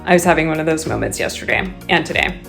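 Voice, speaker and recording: A woman talks straight into a handheld phone camera, loose and chatty, breaking into laughs as she acts out what people told her. Her voice sits a little on the low side. Faint music plays underneath. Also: lively intonation, fast, creaky, a bit bright. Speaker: vlogger. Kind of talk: casual chat to camera.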